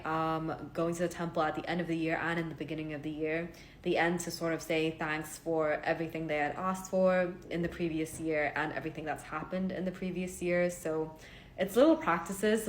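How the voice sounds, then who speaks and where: A Hong Kong woman in her twenties, recording at home, tells a personal story straight to camera in casual vlog style. She's earnest and chatty with many fillers, in a lowish voice. A slight hiss or hum sits in the audio.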